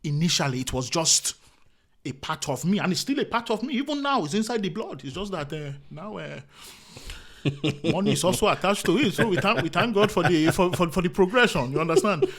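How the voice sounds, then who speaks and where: A man's voice: sits high, animated, a little fast, a bit bright. A male comedian talking casually in an interview, earnest and repetitive, often asking himself rhetorical questions and calling the host "my brother". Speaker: comedian guest.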